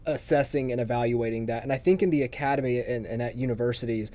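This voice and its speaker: An interviewer with a mellow, warm, mid-pitched voice. The questions come out long and thoughtful, circling back through restarts before landing. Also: fast talker.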